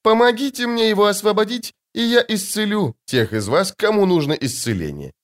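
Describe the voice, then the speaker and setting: A man's voice: sits high, very animated, moderate pace, pitched above the performer's own voice. A man putting on a vain, airy beauty. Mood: airy, coy. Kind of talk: audiobook narration.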